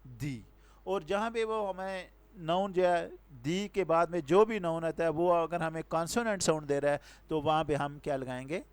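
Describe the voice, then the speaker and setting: A man's voice: a little high, darkish tone, clear, resonant tone, no room sound. A man teaching an English pronunciation lesson, explaining with repeated examples and questions to the viewer.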